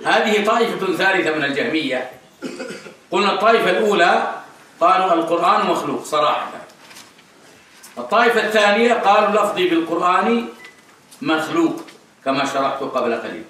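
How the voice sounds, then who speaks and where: Scholar lecturing in a mosque, high ringing voice, emphatic repetition, distant mic in a reverberant hall. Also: male voice, expressive, quick pace, long pauses, bright, forceful tone. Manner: emphatic, repeats key phrases for stress. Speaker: Islamic scholar lecturing on creed. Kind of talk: religious lecture. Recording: echoey hall, voice picked up from afar.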